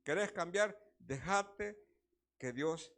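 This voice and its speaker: Give me a man playing a calm, patient old pastor advising someone. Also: sits high, slow, voice pushed up, exaggerated voice. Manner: calm, instructive. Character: gentle older male pastor giving advice.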